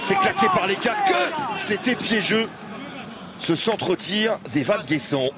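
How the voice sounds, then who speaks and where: A man giving excited live football commentary, exclaiming and stretching out key words as play unfolds. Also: very high-pitched, moderate pace, background noise. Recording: dull lo-fi broadcast over loud crowd. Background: loud stadium crowd.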